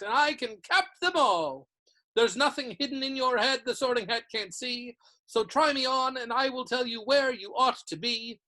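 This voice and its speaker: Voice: mid-range voice, sharp tone, pitched above the performer's own voice, low-quality recording. A reader voicing a boastful old magic hat that sings its lines in a proud, sing-song, rhyming way, in an audiobook. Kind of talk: audiobook character voice.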